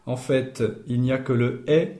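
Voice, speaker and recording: A man's voice: medium pitch, fairly even intonation, moderate pace, dark tone, echoey room. A man teaching a language lesson, explaining grammar patiently step by step. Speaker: Esperanto teacher.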